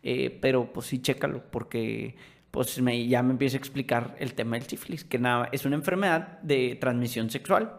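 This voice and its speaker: A young Mexican man, a podcast guest, calmly explaining his side of a story in a casual conversation. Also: medium pitch, normal speed, creaky.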